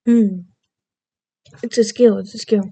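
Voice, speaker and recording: A woman's voice: medium pitch, fairly even intonation, measured pace, dark tone. A woman vlogger with an American accent and a slight Southern lilt, rambling casually and goofily from topic to topic, often losing her thread. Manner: meandering, self-interrupting, goofy.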